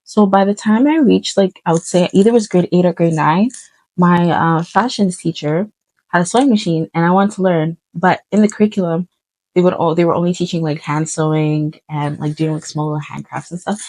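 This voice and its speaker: A Ugandan woman in her 20s tells the story of how she got into fashion design in a casual vlog while doing her makeup, using lots of fillers and self-corrections. Her voice is fairly low in pitch and darkish in tone, with fairly even intonation and a brisk pace. The recording is dry and rough.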